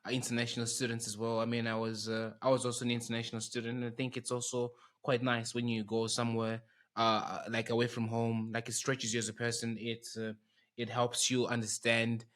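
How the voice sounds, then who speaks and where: Flat-toned young male podcast host. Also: mid-range voice, a little fast. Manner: rambling, repeats "nice". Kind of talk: casual interview. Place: warm-lit room indoors. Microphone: studio microphone on a boom arm with headphones.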